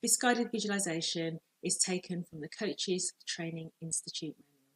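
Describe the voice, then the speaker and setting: A woman life coach leading a guided visualisation, speaking in slow, soothing, measured instructions with long pauses. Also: lowish voice, slightly rough, low-quality recording.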